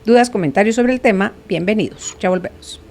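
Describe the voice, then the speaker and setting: A woman's voice: medium pitch, a little fast, a little mellow, a little hiss or hum. A woman hosting a radio talk show, chatty and informal, moving between guest talk and listener messages. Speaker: radio podcast host. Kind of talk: casual on-air interview hosting.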